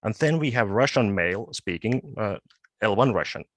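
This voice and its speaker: Halting low-voiced man presenting research. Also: expressive, a little hiss or hum. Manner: halting, with frequent word repeats and restarts. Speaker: conference presenter. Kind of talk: academic conference presentation.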